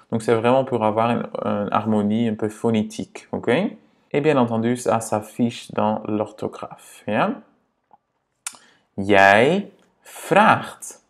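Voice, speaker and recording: A man teaching grammar to beginners, patient and repetitive, checking in often with a quick "ok?". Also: on the low side, creaky. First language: Dutch. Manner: patient, repeats words and checks in with "ok?". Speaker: language teacher.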